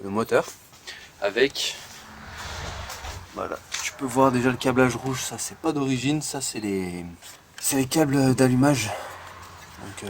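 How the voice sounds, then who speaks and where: A man films his car in a garage on a handheld phone, talking casually and stopping often with fillers. The recording carries a clear hiss of background noise. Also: mid-range voice. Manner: chatty, hesitant with many fillers, pointing things out. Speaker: car enthusiast showing his car.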